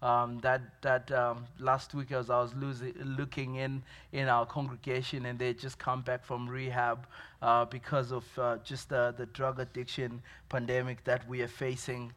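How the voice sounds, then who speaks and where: A man's voice: medium pitch, monotone, normal speed, a bit bright. A man from Zimbabwe with a Zimbabwean accent, a pastor giving a church update with many fillers and restarts.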